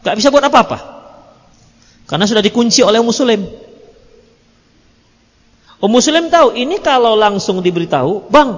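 A man teaching a religious book study in sermon style, telling stories lively and acting out bits of dialogue with joking asides. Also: very high voice, breathy edge. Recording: long reverb of a hall.

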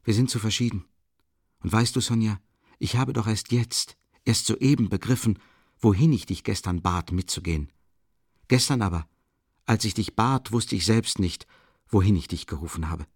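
A male narrator with a fairly low, breathy-edged voice reads a tormented young man at a moderate pace, agitated and bitterly mocking, musing half aloud. The audiobook sound is dry and close, with no echo.

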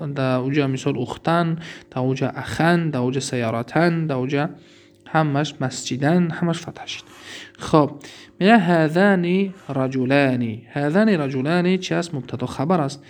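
Speaking with a Tajik accent and a fairly high pitch, a man teaches Arabic grammar in a recorded lesson. He reads examples slowly, then explains them quickly.

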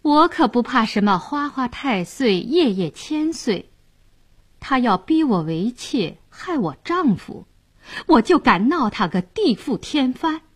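A woman's voice: a little high, takes it slowly, slightly rough, no room sound, exaggerated voice. A woman doing a bold, clever young wife. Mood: defiant. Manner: defiant, then coy and flattering.

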